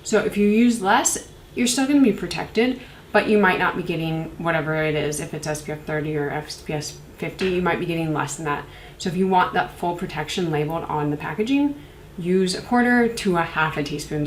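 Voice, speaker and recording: A woman's voice: lowish voice, brisk, reverberant, a little hiss or hum, low-quality recording. A young woman with a congested voice from a cold, chatting casually and rambling with many fillers as she reviews skincare. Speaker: beauty reviewer. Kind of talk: casual product review vlog.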